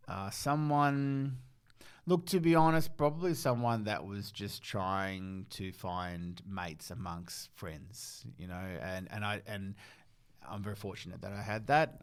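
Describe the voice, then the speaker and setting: Aussie male co-host, lowish clear voice, loose easygoing reminiscing. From Tasmania, Australia. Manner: warm-hearted, rambling with fillers and restarts. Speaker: podcast co-host. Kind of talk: casual nostalgic chat. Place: public library.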